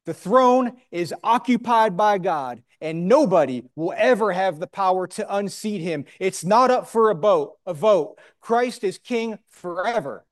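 A man preaching a sermon in short emphatic phrases, pausing for a live interpreter, with rhetorical questions. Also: high voice, lively intonation.

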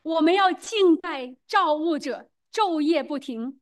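This woman's voice sits high with lively intonation as she renders a sermon phrase by phrase, quick and hesitant, filling pauses and correcting herself along the way.

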